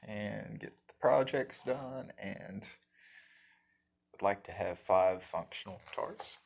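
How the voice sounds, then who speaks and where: A man with an Appalachian accent chatting casually in a folksy, halting, self-deprecating way, as the host of a guitar vlog. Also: lowish voice, vocal fry. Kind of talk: casual rambling chat.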